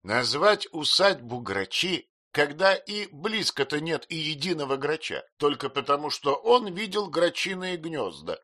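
A man's voice: on the high side, very animated, measured pace, hardly any pauses, sharp tone, dry recording, studio quality, pitched above the performer's own voice, exaggerated voice. A man voicing a stern, commanding elderly aunt who speaks sharply and impatiently. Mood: imperious.

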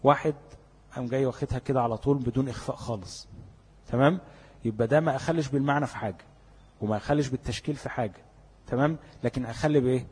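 A man's voice: mid-range voice, very fast, a little mellow, breathy edge, in a large hall. A man with an Egyptian Arabic accent teaching the rules of Quran recitation in a lecture, explaining step by step and asking his students questions he then answers himself. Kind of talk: classroom lecture on tajweed.

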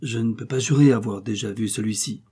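Man voicing a cautious young groom for an audiobook; talkative but wary, mellow and a little husky. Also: lowish voice, fairly quick. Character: wary young male stable hand.

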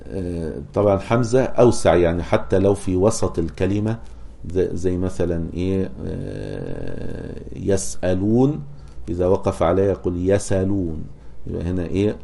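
A man gives a lesson in a low, mellow voice. He keeps posing rhetorical questions to his students. He slows into a measured chant for verses and examples. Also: fairly even intonation, gravelly. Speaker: teacher of Quran recitation. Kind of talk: explaining a scholarly text to students.

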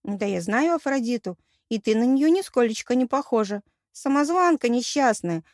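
A woman's voice: a little high, lively intonation, normal speed, a little mellow, no room sound, studio quality. A woman voicing a boastful, dim-witted male demigod hero who declaims his praise in a pompous, flustered way. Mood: gushing.

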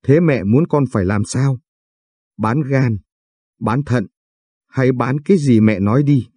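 A man voicing a young woman just out of high school who bitterly reproaches her mother. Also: unhurried, warm tone, slightly rough, no room sound.

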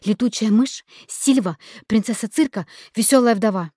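Woman doing lovestruck, bossy young woman, raised and loud, storybook reading. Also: fairly high pitch, normal speed, slightly rough, dry recording, clean studio sound, voice pushed up. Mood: excited, pushy. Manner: exclaiming, pushy, swearing. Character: impulsive young woman in love, sharp-tongued.

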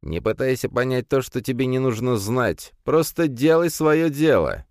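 A man voicing a sly, mocking old man with a thin creaking voice who speaks in riddles. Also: mid-range voice, lively intonation, normal speed, dry recording, studio quality, pitched above the performer's own voice, close to an everyday voice. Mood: sly, cryptic. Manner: mocking, cryptic.

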